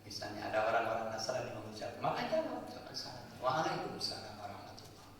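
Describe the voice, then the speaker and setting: Preacher in an echoey mosque. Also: male voice, mid-range voice, very animated, fast talker, gravelly, fairly bright tone, slight background noise. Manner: explanatory, asks and answers his own questions, tags lines with "ya". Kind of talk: sermon. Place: mosque hall. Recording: echoey hall, voice from far off.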